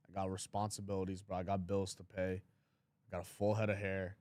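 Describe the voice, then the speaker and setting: A man's voice: low voice, level tone, brisk, a little mellow, dry recording. Blunt young man chatting on a livestream. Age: 20s. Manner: blunt, teasing, reads chat aloud. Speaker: livestream trading host. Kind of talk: casual livestream chat.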